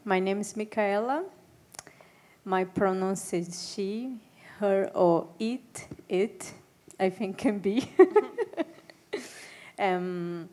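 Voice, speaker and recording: Slow, giggly woman speaker. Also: medium pitch, darkish tone. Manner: hesitant, giggly. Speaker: dancer, panelist.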